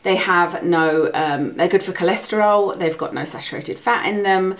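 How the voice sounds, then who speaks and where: British lady rambling thru a recipe in her kitchen, lots of ums, kinda low voice, big booming room echo on everything. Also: moderate pace. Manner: chatty, rambling, frequent ums. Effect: heavy room echo. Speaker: cooking vlogger. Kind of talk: casual recipe demonstration. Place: home kitchen, indoors. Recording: very echoey kitchen recording.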